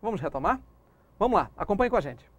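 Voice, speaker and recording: Fast and sing-song, this high-pitched male voice comes through a dry recording with dull audio. Speaking with a Brazilian Portuguese accent, he teaches a recorded exam-prep lesson, drilling points by call-and-response and voicing the student who questions him.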